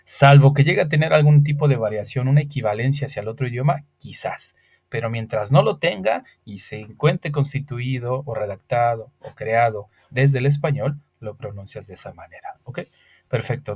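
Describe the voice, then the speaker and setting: A man's voice: mid-range voice, moderate pace, a little mellow. Patient Spanish-speaking man teaching English grammar. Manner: patient, explains step by step with rhetorical questions. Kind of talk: online English grammar lesson.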